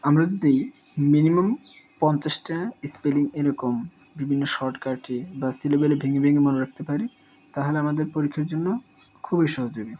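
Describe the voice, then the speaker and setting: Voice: medium pitch, fairly even intonation, a little fast. A teacher giving a spelling lesson, sounding out each word syllable by syllable and repeating it several times. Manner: drills words by repeating them syllable by syllable. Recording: dull lo-fi recording.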